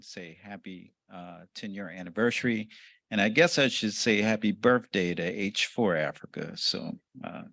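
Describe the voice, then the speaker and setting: A man giving a conference presentation in a relaxed way, with uhs and restarts. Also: fairly low pitch, dry recording. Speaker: conference speaker.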